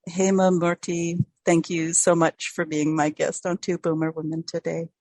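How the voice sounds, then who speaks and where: An older woman hosting a podcast interview, friendly and upbeat, giving brisk closing plugs. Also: lowish voice, flat delivery, darkish tone, slight background noise. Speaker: podcast host.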